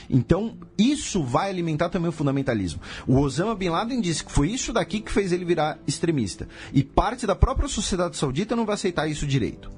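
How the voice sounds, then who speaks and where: Lively Brazilian podcast host explaining. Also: male voice, on the high side. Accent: Brazilian Portuguese. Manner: lively, rhetorical questions, frequent "tá?" and "né?" asides, sarcastic. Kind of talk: casual explanatory podcast talk.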